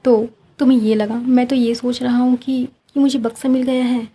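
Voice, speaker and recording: A woman's voice: on the high side, level tone, moderate pace, dark tone. A woman voicing a scheming young man who mocks a girl to get a magic locket. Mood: taunting. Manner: mocking, smooth-talking.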